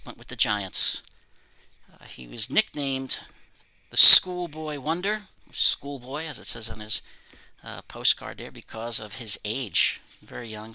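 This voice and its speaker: A man's voice: medium pitch, a little slow, vocal fry, long pauses, bright, forceful tone, dry recording, rough recording. A man presenting items from his autograph collection, reading facts about each in a plain, matter-of-fact way. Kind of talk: casual show-and-tell narration.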